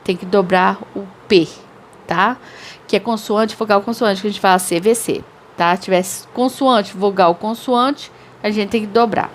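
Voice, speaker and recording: A woman's voice: mid-range voice, a little hiss or hum. Patient woman teaching English grammar. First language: Portuguese. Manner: explains slowly, repeats examples, often adds "tá?". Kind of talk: recorded grammar lesson for students.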